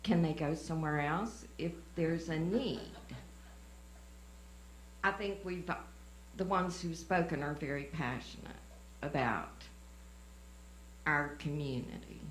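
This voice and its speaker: A woman with a Southern US accent and a slow drawl, speaking as a resident at a public meeting. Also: deep voice. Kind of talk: public comment at a civic meeting. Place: indoor public meeting room. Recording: echoey meeting room with faint mains hum.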